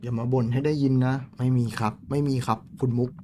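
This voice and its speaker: A young man streaming a game live, chatting with viewers in a crude, swearing, excitable way. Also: mid-range voice, fast talker, slight background noise.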